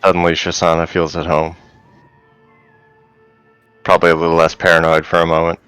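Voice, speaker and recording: A man's voice: sits low, completely flat delivery, fairly quick, fairly bright tone, clean tone, no echo, soft background music. A man playing a tabletop game, chatting in a casual, wry way. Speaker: player. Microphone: streaming microphone.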